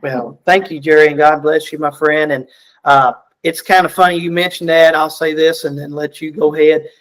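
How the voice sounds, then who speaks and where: A man's voice: on the high side, fairly even intonation, normal speed, fairly bright tone, poor audio. A middle-aged man with a Southern US accent, a country duet singer chatting in an interview with folksy, self-deprecating talk and frequent repeated word starts. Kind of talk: casual interview chat.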